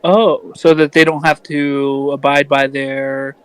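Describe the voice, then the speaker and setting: A man's voice: mid-range voice, flat delivery, slow pace, fairly bright tone, smooth, rough recording. A man playing a character in a tabletop game, talking in a hesitant, teasing way with many restarts. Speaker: player.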